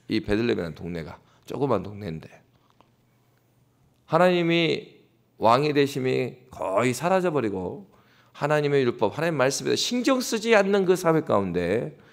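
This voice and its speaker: A male pastor preaching an animated early-morning sermon in a church, addressing the congregation directly. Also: medium pitch. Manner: animated preaching, acts out scoffing voices. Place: church sanctuary.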